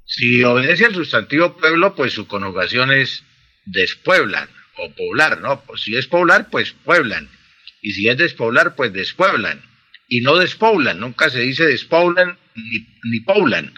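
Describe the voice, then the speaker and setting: A man's voice: medium pitch, very animated, unhurried, pushed and bright, breathy edge, highs cut off. A man, explaining pronunciation and grammar in a precise, teacherly way on a radio language segment. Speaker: language expert answering listener questions.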